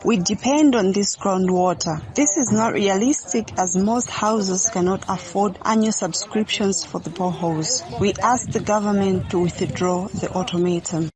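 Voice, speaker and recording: A woman's voice: mid-range voice, moderate pace, few pauses, crowd noise. A woman from a village speaking firmly against a rule. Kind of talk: interview statement.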